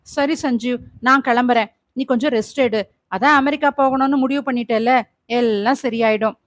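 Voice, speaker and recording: A woman voicing a loyal young man who calms his friend in an audiobook thriller, in a reassuring manner. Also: very high-pitched, moderate pace, no room sound, clean studio sound. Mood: calming.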